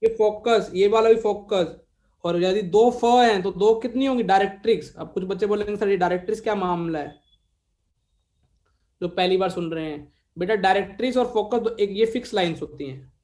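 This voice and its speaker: A man with a high-pitched, slightly mellow voice teaches maths in a live online class, mixing Hindi and English in an Indian accent. He dictates notes slowly, quizzes his students and calls them "beta."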